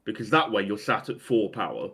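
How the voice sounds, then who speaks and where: A man's voice: lowish voice, big pitch swings, brisk, sharp tone, breathy edge. A man co-hosting a casual tabletop game talk, trading dry, sarcastic remarks. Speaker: podcast co-host.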